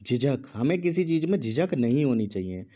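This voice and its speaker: Slow, deliberate male teacher. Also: medium pitch, sing-song, lo-fi sound. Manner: speaks slowly with pauses, repeats each word. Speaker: Hindi teacher. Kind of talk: slow dictation lesson.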